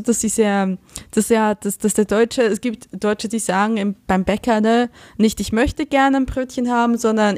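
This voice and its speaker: A woman's voice: fairly high pitch, darkish tone, no room sound, studio quality. A young woman, chatting as a guest and animatedly acting out the people she quotes. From Switzerland. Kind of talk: casual conversation.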